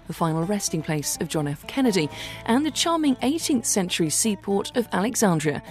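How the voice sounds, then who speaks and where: A woman's voice: medium pitch, a little mellow. A woman, presenting and narrating a travel show in an enthusiastic, chatty way. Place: indoor museum exhibits.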